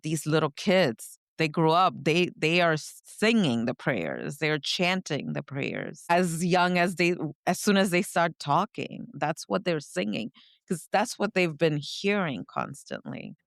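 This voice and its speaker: A woman from India, a podcast co-host reflectively recounting her upbringing, often pausing to search for words. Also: low voice, animated, creaky, no echo, clean studio sound. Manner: reflective, searching for words, frequent "you know". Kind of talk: personal storytelling in conversation.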